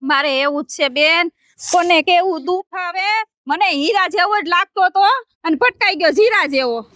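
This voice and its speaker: A woman's voice: extremely high pitch, normal speed, fairly bright tone, no echo, clean studio sound. A woman, complaining about her husband in a rustic comedy sketch.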